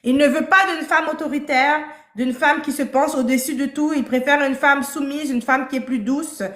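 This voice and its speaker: Woman, live-stream host, high voice, bright tone, probing questions, echoey room. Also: steady tone, moderate pace.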